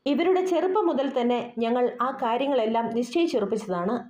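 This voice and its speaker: A woman's voice: fairly high pitch, animated, brisk, natural voice. A woman voicing an anxious middle-aged mother who coaxes and questions, in an audio novel. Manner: anxious, coaxing. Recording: roomy dull recording with soft music.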